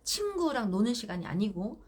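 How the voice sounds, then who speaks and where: Woman, middle-aged, parenting counselor, firm, animated, slightly high pitch. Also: normal speed, breathy edge. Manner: firm, animated, acts out mother and child lines. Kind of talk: live parenting advice stream.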